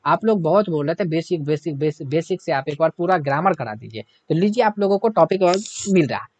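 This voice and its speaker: A man's voice: high-pitched, muffled recording. A man teaching an online grammar lesson, asking the class questions and answering them himself, with a repeated "hai na". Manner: repetitive, keeps adding "hai na".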